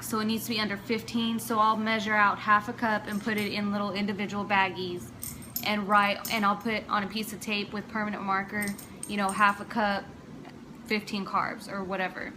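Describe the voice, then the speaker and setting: A woman, the host's wife, calmly explaining a food routine step by step. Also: mid-range voice, normal speed, noisy background. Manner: practical, step-by-step, even-toned. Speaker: vlogger's wife. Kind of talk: casual explaining to camera.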